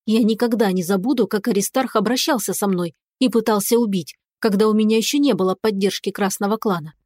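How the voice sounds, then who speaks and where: A woman reading a fantasy novel in the first person with expressive, lively storytelling. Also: medium pitch, quick pace, no echo, clean studio sound. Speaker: audiobook narrator. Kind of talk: scripted first-person narration.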